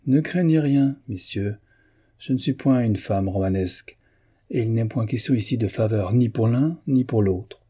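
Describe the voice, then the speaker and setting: A man voicing a sharp-tongued satirical woman over thirty with a cutting, ironic manner, reading a classic novel aloud. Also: mid-range voice, moderate pace, husky, close to an everyday voice. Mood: cool.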